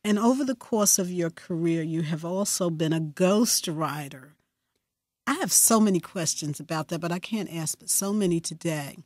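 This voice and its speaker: Low-pitched woman, public radio host. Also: normal speed, darkish tone, dry recording, studio quality. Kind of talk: conversational public radio interview.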